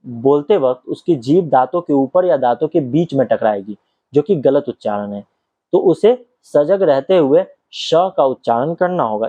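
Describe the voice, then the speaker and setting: A man's voice: a little high, mellow, no room sound. A man from Bihar, reading an acting book aloud and explaining it in casual asides as a teacher. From Bihar, India. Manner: switches between careful reading and casual asides, often asks "ठीक है?". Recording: dull lo-fi, dry sound.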